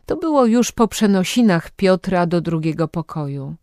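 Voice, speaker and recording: A woman narrates a scripted audiobook in a calm, measured manner, her voice on the low side. The recording is close and dry, with no room sound at all.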